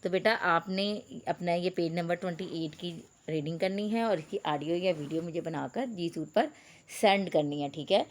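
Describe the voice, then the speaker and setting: A woman's voice: lowish voice, normal speed. A woman teacher, patiently spelling out words letter by letter in an online reading lesson for young pupils. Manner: addresses pupils as beta.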